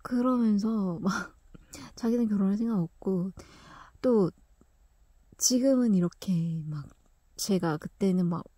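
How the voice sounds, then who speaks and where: A woman's voice: medium pitch, measured pace, long pauses, mellow, husky, no echo, studio quality. A young woman telling a personal story in a chatty way, laughing often and dropping into whispered asides.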